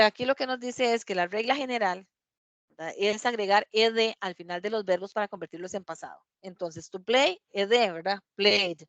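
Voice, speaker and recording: A woman's voice: mid-range voice, fairly bright tone, no echo, muffled recording. Woman teacher reading English examples. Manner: reads English examples aloud slowly, checks with "¿verdad?". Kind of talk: classroom grammar explanation. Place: classroom.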